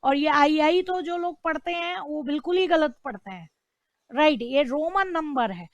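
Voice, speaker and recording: A woman's voice: high-pitched, lively intonation, normal speed, no echo, muffled recording. A woman teaching an online law lecture, asking rhetorical questions and repeating key terms.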